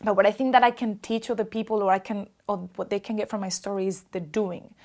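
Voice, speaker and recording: A woman's voice: mid-range voice, steady tone, fast talker, a little mellow. A young woman from Colombia, chatting energetically as an interview guest and talking up her work with enthusiasm. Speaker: guest, online creator. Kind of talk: casual interview chat.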